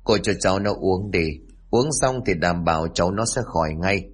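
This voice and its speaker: Man doing a sly, blustering village healer, low and husky. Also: animated, normal speed. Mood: reassuring. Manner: smug, then threatening. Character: scheming male village healer, blustering and harsh.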